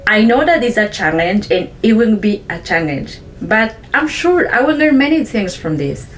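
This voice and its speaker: This earnest vlogger is a woman from Chiapas, Mexico, who grew up speaking Chong (a Mayan language) and narrates reflectively in careful, simple non-native English. Her mid-range voice is animated and moves at normal speed. Slight background noise is audible.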